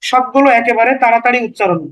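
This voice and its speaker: Man, very high voice, Quran reading teacher, patient, slow syllable-by-syllable drilling, instructional. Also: fairly bright tone, poor audio. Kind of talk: spelling out letters and vowel marks for beginners.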